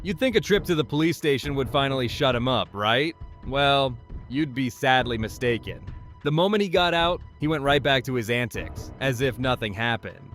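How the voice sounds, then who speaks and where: A man's voice: mid-range voice, animated, moderate pace, fairly bright tone. Male narrator, scornful scripted voice-over, faint music bed. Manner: scornful, mocking.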